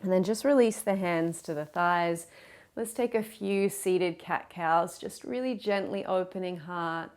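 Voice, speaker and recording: A woman with a slightly low voice talks a class through a yoga practice. Her cues are gentle and encouraging, and she paces them around the breath without hurrying. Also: clean tone. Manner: gentle, encouraging, unhurried cueing of breath and movement. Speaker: yoga teacher. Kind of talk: guided yoga class instruction.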